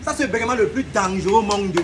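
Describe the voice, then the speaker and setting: A man with a high-sitting voice talks quickly over background noise while hosting a laid-back comedy video. Every example gets acted out by him personally, playful and stuttering.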